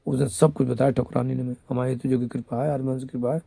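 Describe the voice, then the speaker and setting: Gravelly, husky-voiced man preaching devotion. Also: medium pitch, flat delivery, fast, warm tone, no echo, clean studio sound. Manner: scolding, mocking listeners between devotional teaching; speaks of himself as a female companion of the goddess. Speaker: devotional guru. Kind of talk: rambling devotional monologue.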